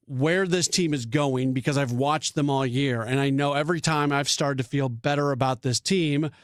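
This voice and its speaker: A man's voice: fairly high pitch, no room sound, clean studio sound. A man hosting sports radio talk, thinking aloud with frequent restarts and fillers.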